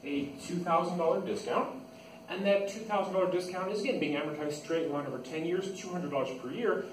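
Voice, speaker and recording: With a high-pitched, brisk delivery, a male accounting instructor lectures informally, explaining step by step and circling back to the key points. The recording comes from a far-off microphone in an echoey, noisy room.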